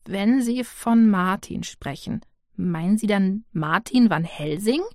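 A nervous young witch, voiced by a woman in an audiobook, hesitant and stammering, her words slowed. The read is dry and close, with a middling pitch. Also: darkish tone, dry recording.

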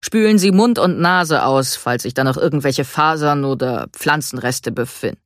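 A woman's voice: sits low, moderate pace, dry recording, studio quality, close to an everyday voice. A woman voicing a stern, evasive male veterinarian who speaks in a curt, lecturing way.

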